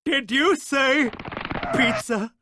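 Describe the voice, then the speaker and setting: A man's voice: extremely high pitch, drawn-out words, background noise, exaggerated voice. A man voicing a vain, party-loving lemur king in a video game, theatrical, pompous and childishly gleeful. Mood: craving, excited. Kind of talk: animated video game cutscene acting.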